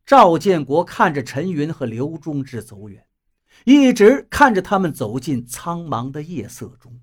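A man narrating a suspense novel as an audiobook, with dramatic storytelling. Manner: dramatic storytelling with wide pitch swings.

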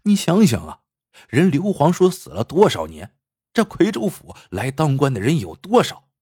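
A man's voice: fairly high pitch, wildly swooping pitch, moderate pace, mellow, husky, no room sound, clean studio sound, voice pushed up, heavily acted. A man voicing the reproachful wife of a magistrate, lecturing her husband in a folk tale. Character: scolding wife of a magistrate, middle-aged woman.

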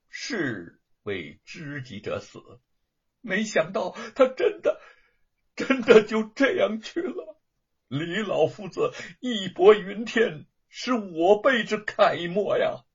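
An impassioned young scholar, as a man puts him on, quavering with grief and anger in a storybook tale. His voice is husky and sits high. The recording has a dull, lo-fi sound. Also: sing-song, normal speed, full character voice. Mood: grieving. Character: grieving, indignant young male scholar.

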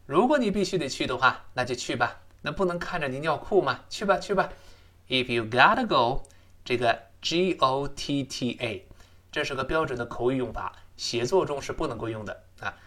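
A man teaching English in a recorded lesson, a native Chinese speaker whose delivery swings widely in pitch. His voice is bright and forceful, and he carefully models each phrase slowly before repeating it. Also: lively intonation.

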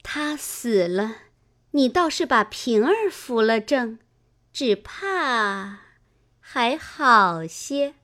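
A woman voicing a scheming servant's wife in a dramatized novel reading, soft and conspiratorial. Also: a little high, lively intonation, drawn-out words, full character voice. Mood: hushed.

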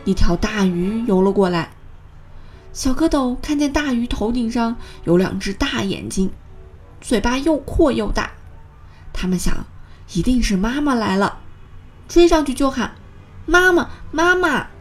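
Woman storyteller for kids, gentle and expressive, slightly high, very slow. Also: faint music behind. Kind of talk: children's story narration.

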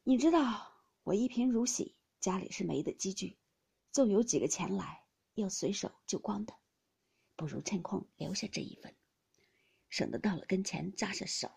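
Storybook role: proud young male swordsman, blunt and cool, lively delivery, voiced by a female reader. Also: medium pitch, normal speed, vocal fry, husky, heavily acted.

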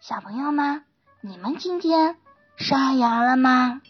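A woman teacher reading a picture book to young children, slow and animated with many interjections. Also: high voice, lo-fi sound, soft background music.

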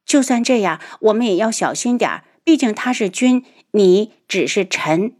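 A woman's voice: mid-range voice, expressive, normal speed, darkish tone, natural voice. A woman voicing an affectionate young wife in an audio novel, light and cheerful in tone.

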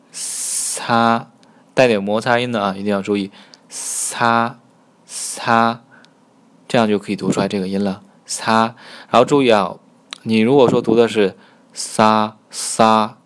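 A man teaching Korean pronunciation in a recorded lesson, patiently demonstrating sounds slowly and repeating them. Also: lowish voice.

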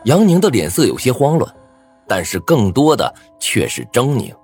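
A man's voice: mid-range voice, huge pitch swings, moderate pace, a little mellow, slightly rough, soft background music. A man narrating a first-person thriller story with a dramatic, swinging delivery.

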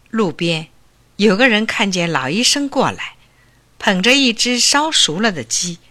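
Bright, lively female storyteller. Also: mid-range voice. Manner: expressive, clear storytelling. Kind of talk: children's story reading.

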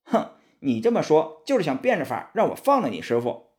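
A man voicing an arrogant, fiery child demon king in a storybook reading, shouting and defiant. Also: a little high, big pitch swings, a little fast. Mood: scornful.

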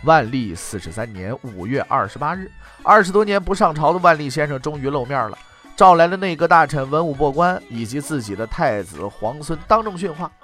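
A man's voice: fairly high pitch, expressive, brisk, a bit bright, soft background music. A man telling history in traditional comic storytelling style, with wry, mocking asides.

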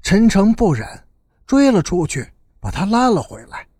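Husky male audiobook narrator, lively swoopy delivery, dry close mic. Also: high voice, normal speed, no echo. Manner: expressive, lively storyteller. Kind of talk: storytelling narration.

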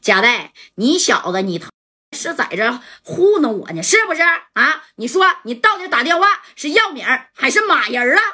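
A woman's voice: sits high, very animated, normal speed, sharp tone, slightly rough, full character voice. A woman voicing a menacing, brash male gang boss who taunts and threatens.

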